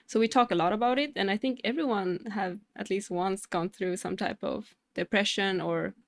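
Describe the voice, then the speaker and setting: A woman in her late twenties from Sweden, a Swedish native speaker, talking as a podcast guest in a relaxed, hesitant way with small laughs. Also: mid-range voice, normal speed, vocal fry, no room sound. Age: late 20s. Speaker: guest, fitness instructor. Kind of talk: casual interview chat.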